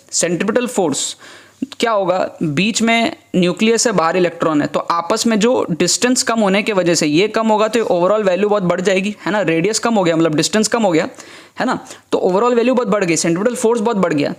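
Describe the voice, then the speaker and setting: A man's voice: high voice, fairly quick. Chatty young male exam tutor. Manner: chatty, repeats points, says "ठीक है ना" often. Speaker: exam prep teacher. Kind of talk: casual online lesson.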